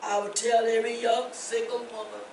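An older woman pastor preaching a testimony sermon, rising to shouts and laughing. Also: a little high, flat delivery, a little fast, vocal fry, a little hiss or hum. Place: church. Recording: echoey church from far off.

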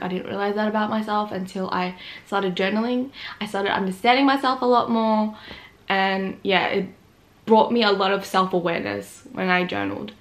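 A young woman talking casually to camera from a small bedroom, relaxed and chatty, with a laugh now and then. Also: mid-range voice. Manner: chatty, relaxed, laughs between thoughts, many "like" and "literally". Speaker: vlogger. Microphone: camera in front of her face.

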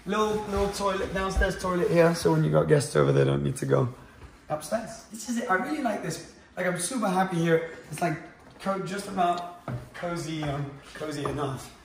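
A man's voice: a little high, moderate pace, creaky, a little hiss or hum. A young man in his twenties, chatting casually with many fillers as he walks through a modern house. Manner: relaxed, chatty, many fillers, walking while talking. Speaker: vlogger giving a home tour. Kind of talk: casual chat. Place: indoors, modern house, moving room to room. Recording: echoey rooms, slightly distant mic.

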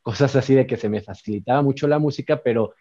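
This musician guest, a man in his forties from Mexico City, talks fast in a dark, mid-range voice with a Mexico City Spanish accent. He shares his story in a relaxed interview from his indoor home studio, sprinkling in fillers and tag questions, and the video-call audio sounds dull and lo-fi.

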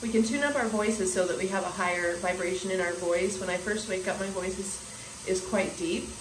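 At a fairly quick clip and medium pitch, a woman in her forties offers an earnest, casual spiritual talk to her phone camera inside a small bathroom. She restarts while musing and frequently clears her scratchy throat; the audio has a roomy echo and a faint hiss.

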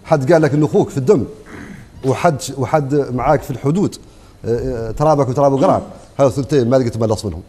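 Fast-talking Mauritanian man, insistent. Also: medium pitch, dark tone, slightly rough. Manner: fast, insistent, interjects "hnini" to hold the floor. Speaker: panel guest. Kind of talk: panel debate on television.

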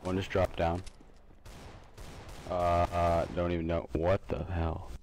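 A man streaming a team shooter, chatting casually with teammates and making quick, laid-back strategy calls. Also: low voice, monotone, a little hiss or hum. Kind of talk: casual gaming chat with teammates. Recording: game gunfire loud behind voice.

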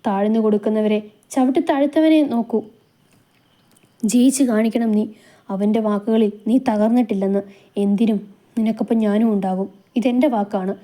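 A woman's voice: medium pitch, normal speed, long pauses, dark tone, lightly acted. A woman voicing a caring, protective young man who speaks in an earnest, consoling way in a storybook reading.

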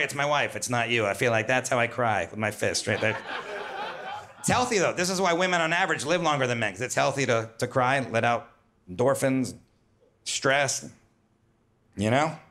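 A man doing a stand-up comedy set on a club stage, talking in a wry, conversational way into a handheld mic. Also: medium pitch. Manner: wry, conversational, jumps to loud put-on whines.

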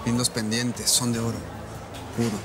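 An actor playing a sneering rich heir. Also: male voice, mid-range voice, level tone, normal speed, close to an everyday voice. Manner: mocking, condescending. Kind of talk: telenovela acting.

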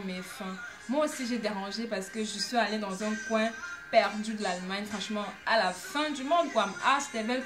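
Animated young woman telling anecdotes. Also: medium pitch. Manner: animated, ironic, lots of hesitations. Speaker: vlogger. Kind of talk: casual storytelling vlog.

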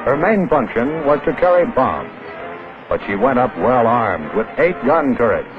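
Old newsreel announcer, man, lively delivery. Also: mid-range voice, normal speed. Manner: emphatic, dramatic announcer delivery. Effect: old 1940s newsreel recording. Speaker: newsreel narrator. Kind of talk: scripted newsreel narration. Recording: tinny lo-fi old film sound with music.

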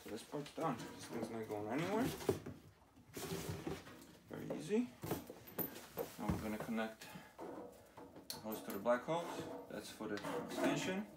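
Recorded on a camera mic in a garage workshop, a man in his thirties hosts a DIY how-to, casually explaining a home setup step by step in matter-of-fact fragments. He has a mid-range, sing-song voice, a moderate pace, and pauses often, and the audio is very noisy.

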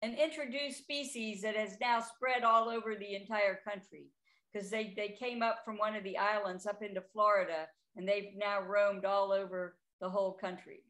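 A woman's voice: mid-range voice, steady tone, moderate pace, a bit bright. A middle-aged woman, giving a chatty, informal talk on identifying birds, with frequent restarts. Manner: chatty, with frequent restarts and playful bird imitations. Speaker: birding presenter.

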